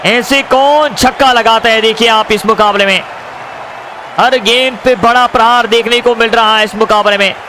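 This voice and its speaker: High-pitched excited male cricket commentator. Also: normal speed. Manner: addresses viewers as friends, repeats stock phrases. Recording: crowd and noise behind the voice.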